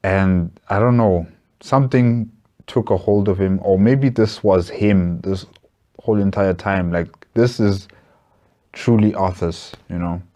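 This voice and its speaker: A man with a low-pitched, dark voice hosts a reaction video, offering casual commentary. He thinks aloud in a hesitant, reflective way and repeats words.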